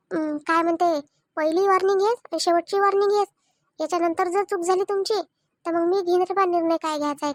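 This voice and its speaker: A woman's voice: extremely high pitch, no room sound, clean studio sound. A woman voicing a tearful, stubborn young wife in a cartoon family drama, speaking with an insistent, complaining manner. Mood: stern.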